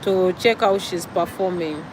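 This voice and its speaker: Slow-talking Ugandan woman vlogging by traffic. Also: on the low side, poor audio. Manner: earnest, preachy, repeats herself for emphasis. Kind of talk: casual vlog monologue.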